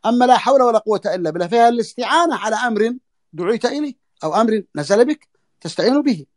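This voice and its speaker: A man delivers a religious lesson in a high voice. He moves along at a brisk pace and says each key phrase twice so students catch it. The tone is that of a teacher explaining a text. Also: expressive. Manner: repeats phrases for emphasis. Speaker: sheikh teaching a book.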